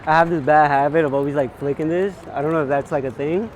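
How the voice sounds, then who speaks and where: Out shooting on a crowded city beach boardwalk, a young street photographer from New York talks casually and jokingly, full of slang. He speaks quickly in a highish voice with fairly even intonation, surrounded by crowd and street noise.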